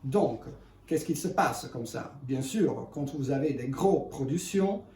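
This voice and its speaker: A man in gives an unscripted product demonstration in halting, self-correcting, speech. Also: medium pitch, expressive, mellow. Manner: halting non-native French with self-corrections. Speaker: ice cream machine presenter. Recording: echoey room, distant mic, faint noise.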